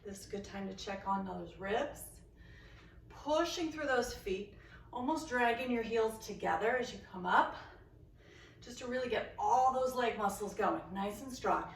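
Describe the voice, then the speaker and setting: A woman leading a pilates and barre workout at home, giving steady cues and counting reps out loud with encouragement. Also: medium pitch, moderate pace, vocal fry, reverberant, far from the mic, a little hiss or hum, poor audio. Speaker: fitness instructor. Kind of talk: guided workout instruction.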